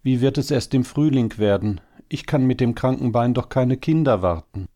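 A man's voice: on the low side, moderate pace, mellow, voice pushed up. A man reading a story, voicing a wounded female hare who limps and laments in a raised, plaintive tone. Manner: plaintive, sighing.

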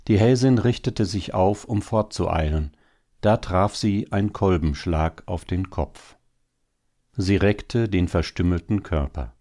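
Deep, dark-voiced male audiobook narrator.

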